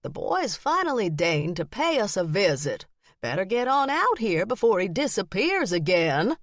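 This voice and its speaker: A woman narrator puts on a crotchety older aunt in a storybook, stern and brusque. Her lines come out clipped and a bit louder than the narration. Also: medium pitch, very animated, normal speed, no room sound, clean studio sound.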